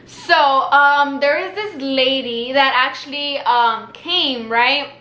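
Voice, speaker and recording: A young woman from South Texas tells a casual storytime in a chatty way, with "like" after nearly every phrase. Her voice is high and bright. The room around her is echoey. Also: slow pace. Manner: chatty, filler-heavy with constant "like". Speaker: vlogger.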